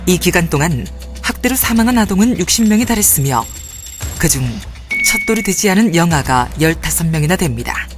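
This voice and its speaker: A woman narrating a public campaign video in a calm, earnest, measured way, with music playing behind. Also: fairly low pitch. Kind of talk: scripted narration.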